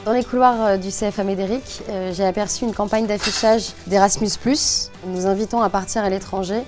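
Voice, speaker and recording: A woman's voice: medium pitch, steady tone, brisk, soft background music. A young woman, an apprentice at a restaurant, speaking with some hesitation and fillers. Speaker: apprentice cook.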